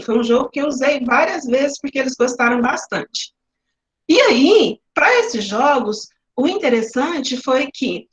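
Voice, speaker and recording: A Brazilian woman teacher with a high voice walks through her classroom activities step by step in an online lecture. Her call audio sounds roomy and a little muffled. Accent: Brazilian Portuguese. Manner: explains step by step with examples.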